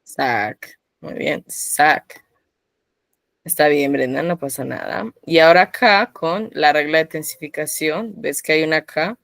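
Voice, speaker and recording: A woman's voice: deep voice, normal speed, creaky, hardly any pauses, a bit bright, no echo. A woman teaching a live online language class, quizzing her students by name and patiently encouraging them. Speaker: Korean teacher.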